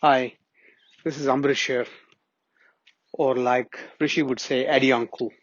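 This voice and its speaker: A middle-aged family friend gives an earnest, reminiscing memorial tribute, often restarting his sentences. His voice is medium-pitched and steady, a little slow, and the dry recording sounds dull and muffled.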